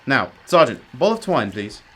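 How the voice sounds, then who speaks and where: In a radio drama, a man plays a brilliant, commanding, self-critical detective, explaining things emphatically with old-fashioned courtesy. His medium-pitched voice is husky and fairly bright, with a sing-song lilt at a moderate pace. The mood is brisk and serious.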